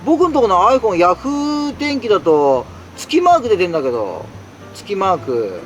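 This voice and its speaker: A talkative man streams from inside his tent as rain falls outside. He chats casually and reacts to viewer comments with exclamations. His voice sits high and swings widely in pitch, with faint music underneath. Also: wildly swooping pitch, unhurried. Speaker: solo camping streamer. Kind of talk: casual live-stream chat while camping. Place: inside a tent while it rains.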